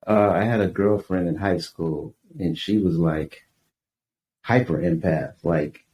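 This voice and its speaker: A man from Tucson, Arizona, a guest author, talking in a relaxed, reflective way on a podcast. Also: low voice, a little slow. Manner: reflective, easygoing, uses "you know" a lot. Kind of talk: casual podcast interview. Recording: echoey room with faint background noise.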